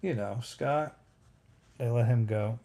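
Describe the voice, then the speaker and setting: Slow and dark-toned at a medium pitch, this livestream host in his fifties broadcasts from home. His personal story rambles along, interrupted whenever he greets someone in the chat by name.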